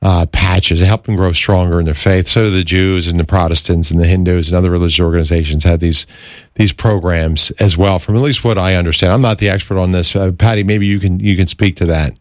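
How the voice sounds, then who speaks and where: Smooth deep-voiced radio host man. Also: fairly even intonation, dry recording, clean studio sound. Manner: careful, measured phrasing. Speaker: radio talk show host. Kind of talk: smooth radio host manner, taking callers.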